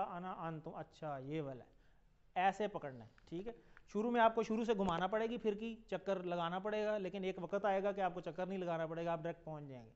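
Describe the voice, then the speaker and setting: A man teaching a classroom lesson, patiently repeating words slowly for his students to echo back. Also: high voice, a little mellow, highs cut off. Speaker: Arabic teacher.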